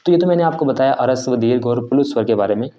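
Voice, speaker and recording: A man's voice: medium pitch, expressive. A man giving a video lesson on Hindi and Sanskrit letters, asking himself questions and drawing out the sounds as he pronounces them. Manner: drawn-out, careful pronunciation of sounds; tags points with "theek hai". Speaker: teacher of Hindi and Sanskrit basics. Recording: slightly dull, lo-fi audio.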